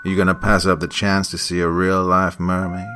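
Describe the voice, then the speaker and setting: A man's voice: low voice, level tone, normal speed, sharp tone, slight background noise. A man voicing a falsely friendly, menacing male stranger in a horror story, with a sly, coaxing manner.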